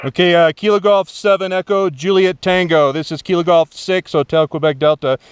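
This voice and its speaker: Against a noisy background, a man with a high-pitched voice speaks steadily at a normal speed. He's an amateur radio operator on a rocky summit outdoors, making contacts, giving call signs phonetically and repeating letters and numbers for clarity.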